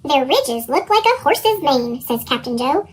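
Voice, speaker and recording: A narrator with a squeaky cartoon chipmunk voice effect reads a children's story in a lively way. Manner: slow, lively reading. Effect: pitched-up chipmunk voice effect. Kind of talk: scripted children's story read-aloud.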